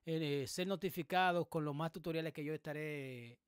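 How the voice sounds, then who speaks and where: A man hosting a music production tutorial, explaining things casually with many pauses and fillers. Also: a little high, clear, resonant tone, no room sound, clean studio sound. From Dominican Republic. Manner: relaxed, explanatory, many hesitations. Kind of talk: casual screen-recorded tutorial. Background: beat playing in the background.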